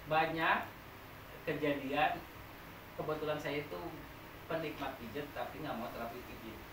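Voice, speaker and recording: Explaining step by step while quizzing his students, a man leads a massage therapy training class. He speaks at normal speed with a fairly high pitch and fairly even intonation. The room is echoey and noisy, and the mic sits far away.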